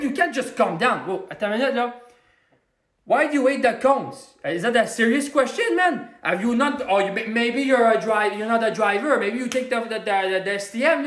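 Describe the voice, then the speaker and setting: This performer's medium-pitched voice sounds close to an everyday voice, in a reverberant room. He plays a self-styled Quebec Hulk, a hot-headed working-class Québécois man who is angry all day, ranting loudly through viewer comments on a comedy livestream in broken English and French with a strong Québécois accent.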